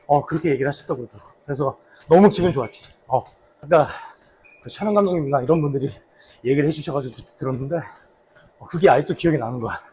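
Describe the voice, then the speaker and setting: A man with a slightly husky voice casually reminiscing for a vlog while out slow running. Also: a little high, warm tone, slight background noise, poor audio. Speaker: actor, vlog host. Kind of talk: casual vlog reminiscing about a past drama role.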